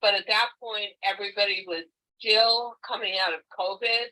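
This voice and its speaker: An older woman, an author, telling her own story as a guest on a video call in a candid, emphatic, animated way. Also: mid-range voice, moderate pace, low-quality recording. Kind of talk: conversational interview. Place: home, virtual meeting.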